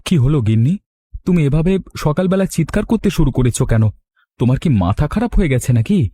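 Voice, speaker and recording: Playing a boastful, sly village rogue in an audio story, a man cajoles with swagger in a husky, mellow voice that swings widely in pitch. He sounds irritated, and his delivery is sing-song and brisk.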